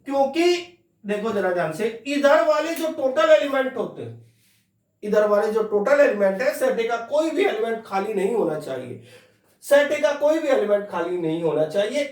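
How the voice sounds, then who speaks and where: A man teaching a math lesson, repeating each point slowly and telling students to listen closely. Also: very high-pitched, lively intonation, a little mellow, roomy sound, distant mic. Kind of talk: classroom lecture.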